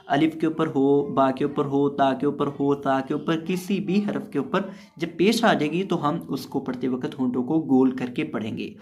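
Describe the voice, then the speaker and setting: A man teaching Quran reading, spelling out each letter and vowel in a slow, loud chant, with calm explanations between the drills. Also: a little high. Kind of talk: spelling-out recitation lesson.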